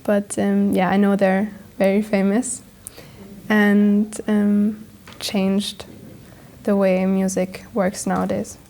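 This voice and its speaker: Young woman, from Austria, halting, flat intonation. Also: medium pitch. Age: young adult. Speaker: interviewee.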